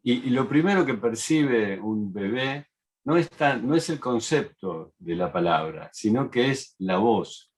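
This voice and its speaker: A middle-aged man, talking in a measured, explanatory way and often pausing on fillers. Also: mid-range voice, animated. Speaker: panelist. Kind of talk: reflective talk.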